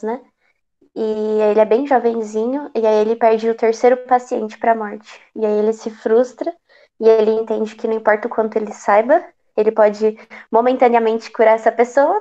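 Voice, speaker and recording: A woman's voice: fairly high pitch, a little mellow, highs cut off. A woman speaking thoughtfully and conversationally in an online study group discussion. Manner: thoughtful, conversational, fillers like assim, né.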